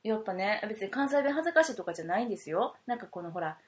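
A woman's voice: mid-range voice, sing-song, rapid-fire. A woman with a Kansai accent co-hosting a casual chat podcast, chatty and slipping between Kansai and standard Tokyo speech. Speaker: podcast co-host.

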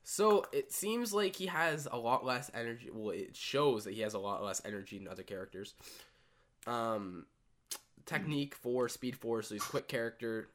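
A man's voice: medium pitch, normal speed, a bit bright. A young man co-hosting a podcast, chatting casually about fighting games and reading stats out with lots of fillers. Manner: rambling, reads stats aloud with fillers. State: hiccups. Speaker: podcast co-host. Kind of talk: casual gaming chat.

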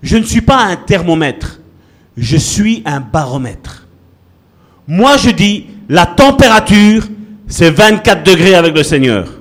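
A man preaching a sermon as pastor, swinging between loud bursts and low, quiet lines.

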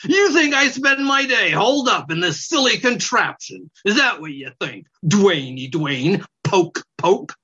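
A man's voice: high-pitched, wildly swooping pitch, measured pace, husky, muffled recording, voice pushed up, full character voice. A man voicing a small, rude, snide male weasel who snaps and sneers with contempt. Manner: snappy, contemptuous, shouts.

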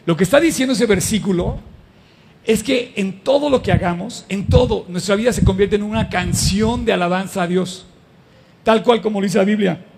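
A middle-aged man preaching a lively sermon to a live congregation, asking the crowd questions as he goes. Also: high-pitched, moderate pace, vocal fry, big-room sound, slight background noise. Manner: animated and conversational, addresses the audience with questions. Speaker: pastor.

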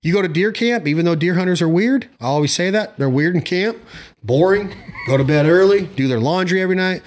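Emphatic, blunt man chatting casually. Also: on the high side. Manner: emphatic, rambling, blunt with mild slang. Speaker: hunting show host. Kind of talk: casual opinionated chat.

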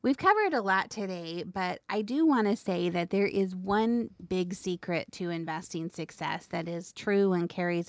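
A woman's voice: lowish voice, a little mellow, no echo, studio quality. A woman hosting a financial advice show, explaining things in an informal, conversational way. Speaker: financial radio show host.

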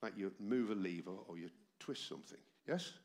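Preaching over an amplified mic in a church hall, this man in his seventies has a low, darkish voice with lively intonation at a normal speed. His voice is tired from a cold. He makes a habit of putting rhetorical questions to the congregation.

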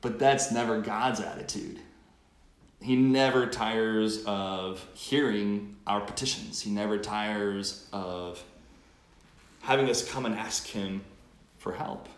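A man, a priest, reading the gospel and preaching a homily at Mass in a measured, earnest way, his voice ringing in a cathedral-like echo. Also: fairly low pitch. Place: large church. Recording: echoey church acoustics.

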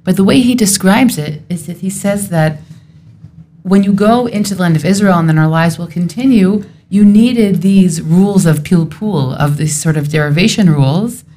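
A woman's voice: on the low side, moderate pace, dark tone. A woman leading a Torah study discussion, thinking aloud in a searching, thoughtful way. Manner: thoughtful, searching, restarts while reasoning aloud.

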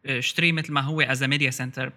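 A man's voice: medium pitch, fairly even intonation, fast, sharp tone. A man with a Levantine Arabic accent chatting casually about tech as a podcast host, mixing English terms into his Arabic.

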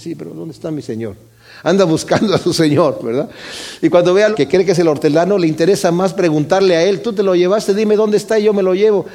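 A man's voice: on the high side, warm tone. A man teaching a Bible study in a conversational way, reading passages aloud and commenting on them.

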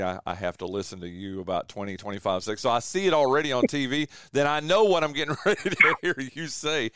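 Lively joking male sports podcast host. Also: on the high side, clear, resonant tone, no echo, clean studio sound. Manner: animated, joking, says "dude" a lot. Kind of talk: casual sports chat.

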